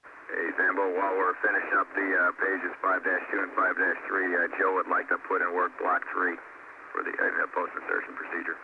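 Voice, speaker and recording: A man's voice: sits low, completely flat delivery, brisk, pauses often. A man aboard a spacecraft, talking matter-of-factly to mission control over a crackly space-to-ground radio link. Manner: matter-of-fact procedural talk with fillers. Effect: crackly space-to-ground radio transmission. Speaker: astronaut calling mission control. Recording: tinny hissy radio link.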